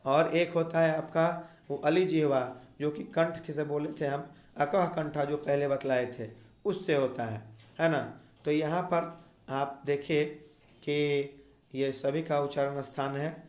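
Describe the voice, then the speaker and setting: A man's voice: a little high, fairly even intonation, unhurried, darkish tone. Echoey man teaching a lesson. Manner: explains patiently, repeats sounds aloud, checks with "है ना?". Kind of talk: classroom grammar lesson. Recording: echoey room.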